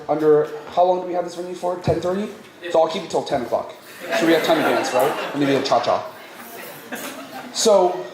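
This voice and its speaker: Male wedding speaker, playful joker, roomy hall with loud background noise. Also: on the high side. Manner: playful, joking with the crowd. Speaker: best man speaker, groom's cousin. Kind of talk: joking wedding toast.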